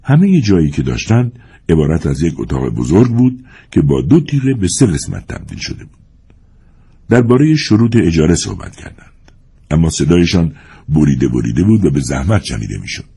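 Deep, husky male audiobook narrator. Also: sing-song, mellow. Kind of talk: scripted narration of a novel.

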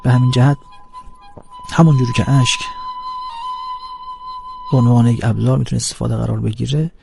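Guy giving a religious talk, gravelly voice, emphatic, music behind. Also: mid-range voice. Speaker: religious speaker. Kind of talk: religious lecture. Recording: music playing under speech.

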